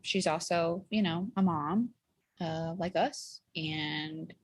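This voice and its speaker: A woman's voice: on the low side, slow pace, slightly rough, dry recording. A woman in her thirties, a guest on a podcast, chatting casually and filling her talk with "like" and "you know.". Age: 30s. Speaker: podcast guest, communications director. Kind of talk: casual chat.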